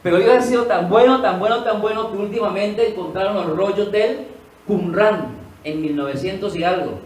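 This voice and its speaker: High-voiced male pastor in an echoey hall. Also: moderate pace. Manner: asks the congregation rhetorical questions and answers them; emphatic, repeats key words. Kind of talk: teaching sermon. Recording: echoey room, voice from a distance, faint ambience.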